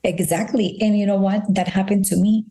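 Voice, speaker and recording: A Colombian woman speaking Spanish with a Colombian accent appears as a guest in a conversational interview, earnestly sharing personal stories. She's an integrative health practitioner, and her mid-range, mellow voice holds a steady tone at a brisk pace. She often restarts sentences and says "you know."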